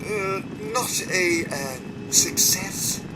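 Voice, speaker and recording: A man voicing a pompous, cheerfully ghoulish male robot doctor in a game, with a smooth synthetic robot sound and a self-satisfied, chirpy manner. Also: sits high, drawn-out words, heavy background noise. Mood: smug. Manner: chirpy, self-satisfied, exaggerated rises and drops. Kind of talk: video game character dialogue.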